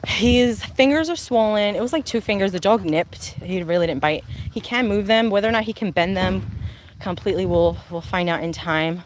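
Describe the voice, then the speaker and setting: A woman's voice: medium pitch, expressive, moderate pace, a little hiss or hum. A woman chatting casually on a live stream while walking her dog outdoors, rambling and answering viewer comments. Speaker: vlogger and mother.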